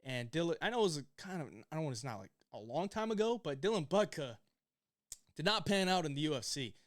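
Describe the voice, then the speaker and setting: A man's voice: on the high side, sing-song, quick pace, no echo, studio quality. A man hosting his own channel, giving loose, opinionated fight betting picks with plenty of fillers and the odd curse. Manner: loose, opinionated, swears casually, many fillers. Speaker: UFC betting picks host. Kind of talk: casual fight predictions.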